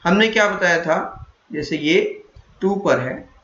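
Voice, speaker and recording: A man's voice: high-pitched, lively intonation, takes it slowly, a bit bright. A man teaching a math lesson, patiently repeating each point and quizzing his students as he goes. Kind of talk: explaining a classroom lesson. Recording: roomy, dull lo-fi recording.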